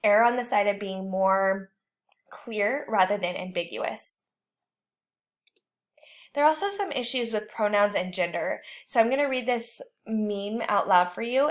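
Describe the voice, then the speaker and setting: A woman instructor walks her class through writing rules in a recorded online lecture. Her delivery is clear and explanatory, at a medium pitch, with a light joking touch now and then.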